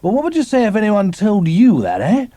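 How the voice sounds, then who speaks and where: A man's voice: high voice, wildly swooping pitch, fairly quick, warm tone, dry recording. An actor playing a drunken, boastful traitor in an audio drama, his voice raised in indignation and slightly slurred. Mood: indignant raised voice. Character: drunken, boastful, suspicious male wartime traitor.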